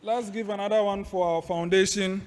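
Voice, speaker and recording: High-pitched Ghanaian man announcing at a podium. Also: fairly even intonation, normal speed, darkish tone. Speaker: master of ceremonies at a youth parliament sitting. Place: large indoor hall. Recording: echoey hall, long reverb.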